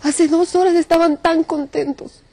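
A woman's voice: very high voice, steady tone, normal speed, mellow. An actress playing a sorrowful female maid who is lamenting in a telenovela. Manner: dismayed, lamenting. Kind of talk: telenovela acting.

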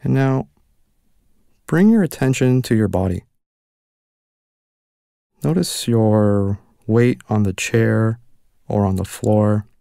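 A man narrating a guided mindfulness meditation as the guide, giving calm, gentle, unhurried instructions with long pauses between phrases. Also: lowish voice, gravelly, no room sound, clean studio sound.

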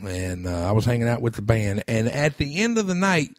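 Male podcast host, lively rambling storyteller, loose and profane, dry close room. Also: medium pitch, fairly quick, no echo. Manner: rambling, swears freely, restarts a lot. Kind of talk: casual storytelling chat.

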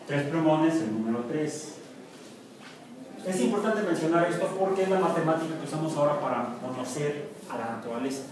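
A Mexican man with a somewhat high, expressive voice teaches a university math lecture at a fairly quick pace, joking and questioning his students. The recording comes from far off in an echoey classroom with a noisy background.

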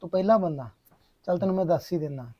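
Man acting as a poor kidnapper, halting confession, raised voice, dark tone. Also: high voice. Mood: sorrowful. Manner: halting, confessional, repeats phrases. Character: young male kidnapper, poor, bitter and remorseful. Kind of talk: short film drama acting.

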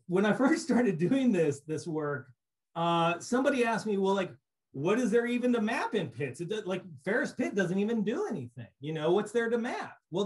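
A middle-aged man giving a relaxed recorded slideshow lecture on cave surveying over a webcam, explaining casually with frequent restarts. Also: high voice. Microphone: webcam on a video call.

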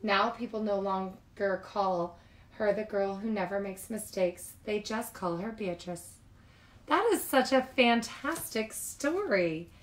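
A woman with a mid-range voice reads picture books aloud to young children in the manner of a childcare teacher. She is expressive and informal, and she speaks at a slow pace.

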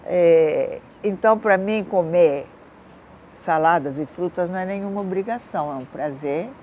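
An older woman, an author born in Africa to an Italian family, giving lively and thoughtful interview answers outdoors in a garden. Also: fairly low pitch, normal speed, a little hiss or hum. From born in Africa, of Italian culture, living in Brazil. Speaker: guest, writer.

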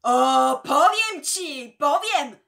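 A woman's voice: sits high, animated, very slow, vocal fry, pitched above the performer's own voice, heavily acted. A woman playing a furious, defiant male constructor. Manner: defiant, shouting.

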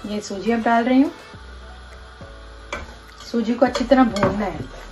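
A woman's voice: fairly high pitch, unhurried. Chatty woman hosting a kitchen cooking show. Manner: chatty, walks viewers through each step. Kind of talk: casual cooking demonstration. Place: home kitchen, indoors. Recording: background music under voice.

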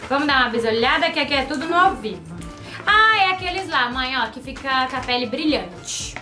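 High-voiced chatty woman. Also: animated, fairly quick, bright, forceful tone. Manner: chatty, playful, addresses viewers. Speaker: vlogger. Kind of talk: casual gift-opening vlog. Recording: echoey room with music.

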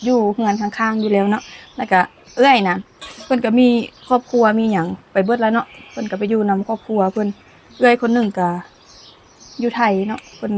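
A woman's voice: on the high side, a little mellow, a little hiss or hum. Chatty Lao woman cooking outdoors. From Laos. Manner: chatty, laughs often while talking. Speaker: cooking vlogger. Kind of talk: casual cooking vlog chat. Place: outdoors in sunshine. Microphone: camera filmed by her niece.

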